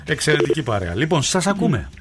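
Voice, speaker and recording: High, lively male radio host. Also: noisy background. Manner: brisk and teasing with callers. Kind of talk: lively radio phone-in quiz. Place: radio studio.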